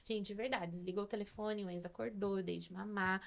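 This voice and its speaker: A woman's voice: mid-range voice, fairly even intonation, fast, vocal fry. A woman with a Brazilian accent, a guest on a casual podcast, telling a personal story with feeling and repeating words as she goes. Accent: Brazilian Portuguese.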